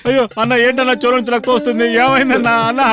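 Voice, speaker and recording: A man's voice: very high-pitched, little pitch movement, rapid-fire. A whiny fawning henchman. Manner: pleading, repetitive whining. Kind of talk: dubbed comedy film acting. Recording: film soundtrack with loud score.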